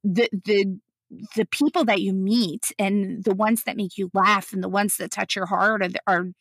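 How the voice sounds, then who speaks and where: A woman's voice: mid-range voice, steady tone, normal speed, fairly bright tone, husky, no room sound. A woman co-hosting a casual travel chat, storytelling and filling her talk with "you know.". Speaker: podcast co-host.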